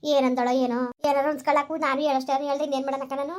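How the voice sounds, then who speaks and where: A woman acting as a worried village mother in a hobby drama, talking fast and emotionally. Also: high-pitched, little pitch movement, natural voice. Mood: sorrowful.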